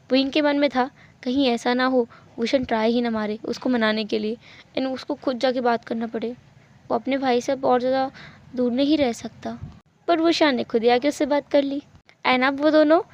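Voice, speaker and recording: Woman telling a fanfic story, chatty, lots of english words mixed in, high voice, kinda dull lo-fi sound. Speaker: fan fiction narrator. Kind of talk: storytelling narration with direct address to viewers. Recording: dull lo-fi home recording.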